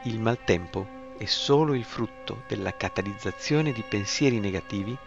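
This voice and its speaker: A man reading a story aloud, voicing a stocky, boisterous male drinking buddy who is excitable and teasing. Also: on the low side, moderate pace, creaky. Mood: excited. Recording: slightly muffled, music behind.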